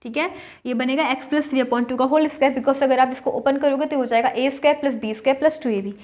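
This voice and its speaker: A woman's voice: sits high, fairly even intonation, quick pace, darkish tone. A woman teaching a maths lesson step by step, asking and then answering her own questions as she works. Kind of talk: board-work maths lesson.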